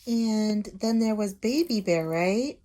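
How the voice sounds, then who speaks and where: Drawing as she talks, a woman teacher gives young children simple, casual explanations and adds small check-in questions along the way. Her voice is medium in pitch and dark in tone, and she takes it slowly.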